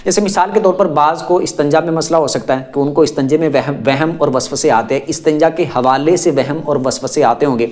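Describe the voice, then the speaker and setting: A man's voice: fairly high pitch, few pauses, a little mellow. Guy explaining religious rules to viewers, repeats himself a lot, lists examples, reassuring tone. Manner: repetitive, lists many examples. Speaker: religious teacher. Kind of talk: explanatory religious talk to camera.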